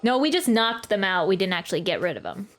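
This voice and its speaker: Over background video game music, a woman streams her gameplay with relaxed, chatty reactions. She talks fast in a mid-range, animated voice with a slightly bright edge.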